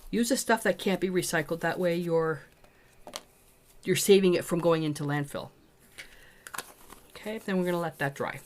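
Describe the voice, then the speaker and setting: A woman's voice: on the low side, moderate pace, long pauses, slight background noise. A woman walking viewers through a small mixed-media art project, chatting as she works. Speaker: art teacher. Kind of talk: casual craft tutorial.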